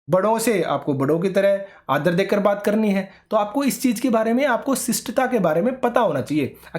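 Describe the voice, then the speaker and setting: A man's voice: high voice, a little mellow. A man teaching an online exam-prep lecture, explaining step by step and often checking in with his students.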